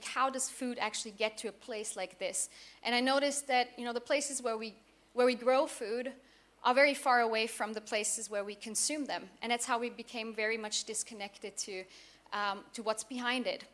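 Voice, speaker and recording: A young woman from southeast Austria giving a conference talk as a company founder, often pausing with fillers and restarting her sentences. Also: a little high, a bit bright. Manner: hesitant, many fillers and restarts.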